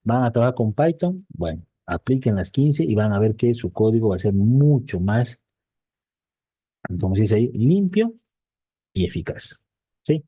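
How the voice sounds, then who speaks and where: A man's voice: medium pitch, very animated, normal speed, pauses often, warm tone, slightly rough, dry recording. A middle-aged man teaching a programming class in a casual way, reading points aloud and explaining them in loose asides, often checking in with his students and restarting his sentences. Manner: reads a list aloud, then explains it in loose chatty asides; checks in with frequent "¿sí?" tags.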